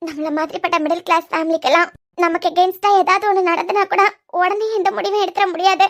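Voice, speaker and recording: A woman's voice: very high voice, little pitch movement, fairly bright tone. A woman voicing Diya, a caring, frank young woman in a cartoon series, talking earnestly with a Kanyakumari Tamil accent. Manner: earnest, coaxing, quick-talking. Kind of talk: cartoon web series voice acting.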